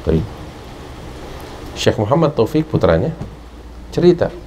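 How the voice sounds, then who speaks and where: Man, Indonesian accent, sermon, storytelling, emphatic peaks, mellow low voice, faint background noise. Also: big pitch swings, a little slow, low-quality recording. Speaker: religious teacher. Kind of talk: Islamic study sermon.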